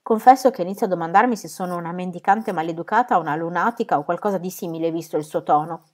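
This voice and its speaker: A woman reading an audiobook, voicing a calm, poised young woman who speaks politely and in measure. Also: lowish voice, fast, natural voice.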